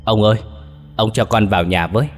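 A man's voice: on the low side, brisk, faint music behind, natural voice. A man voicing an eerie little ghost girl who begs to be let in, in an audio ghost story. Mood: eerie pleading. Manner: eerie, pleading.

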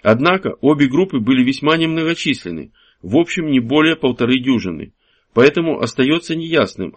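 A man with a mid-range voice narrates an audiobook from a script, keeping his storytelling measured and even.

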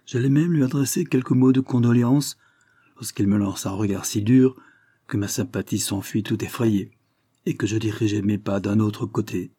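A man narrating a classic novel in a measured, even first-person reading. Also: lowish voice, husky, no room sound, clean studio sound. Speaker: audiobook narrator. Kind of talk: scripted storybook narration.

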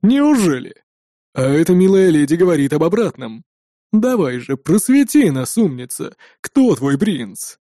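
A man voicing a sly, menacing male raider who speaks slowly and mockingly. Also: very high voice, expressive, dark tone, no echo, studio quality, voice pushed up. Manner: slow, mocking, drawn-out.

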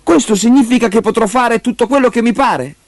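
A man putting on a high eager boy king. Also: a little fast, faint music behind.

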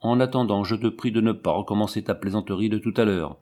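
A man's voice: lowish voice, fast talker, a little mellow, natural voice. A man reading the part of a scheming adult man who speaks in a condescending, sardonic way in a storybook reading. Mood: mocking.

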